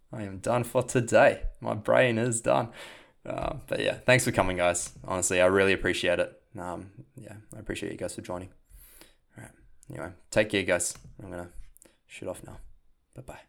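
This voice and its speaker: A young coach and podcast host from New Zealand, by his accent, has a deep voice with vocal fry and a bit of brightness. His casual talk and podcast outro are peppered with fillers and restarts.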